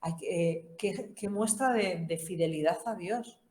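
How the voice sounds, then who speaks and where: A woman's voice: fairly low pitch, unhurried, a little mellow. A woman with a Spain Spanish accent giving an informal Bible course talk, conversational and humorous, often tagging her sentences with questions. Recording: roomy echo.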